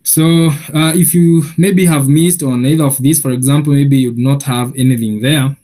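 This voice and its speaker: Man walking through software steps. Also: medium pitch, steady tone, normal speed. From Kenya. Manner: many filler "uh"s and restarts, patient step-by-step. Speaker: trainer. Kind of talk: software training walkthrough.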